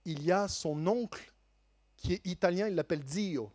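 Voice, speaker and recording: High-voiced man telling a lively testimony. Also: moderate pace, dry recording. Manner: animated, laughing often, stammering repeats.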